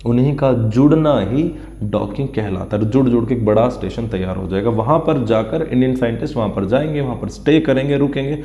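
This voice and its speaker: A man's voice: medium pitch, fairly quick, dark tone. Man teaching in a roomy echo. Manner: mixes Hindi and English, repeats words to drill pronunciation, draws while explaining. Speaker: English teacher. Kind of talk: explaining an English news text in Hindi for exam students. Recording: roomy, dull lo-fi sound.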